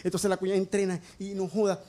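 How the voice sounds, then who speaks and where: High-voiced stand-up man. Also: monotone, quick pace, warm tone. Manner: rowdy, swearing, acts out characters. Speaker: stand-up comedian. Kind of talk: stand-up comedy routine.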